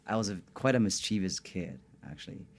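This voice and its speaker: A man from Northern China, co-founder of a tea bar, chats casually as a guest in a podcast studio, often searching for words. His voice sits on the low side and is animated and brisk.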